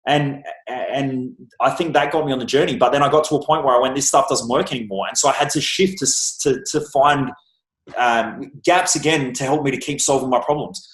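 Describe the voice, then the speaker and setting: A man's voice: mid-range voice, fairly quick, echoey room, poor audio. A man in a casual podcast interview, talking bluntly and emphatically as a success coach, swearing freely. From Australia. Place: room with a bookshelf.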